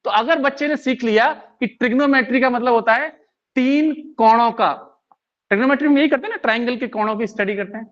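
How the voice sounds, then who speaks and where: A man's voice: extremely high pitch, quick pace, a bit bright. A man with an Indian accent giving a live-streamed lesson, explaining word roots in mixed Hindi and English and often checking in with his listeners. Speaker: English teacher. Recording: dull lo-fi stream audio.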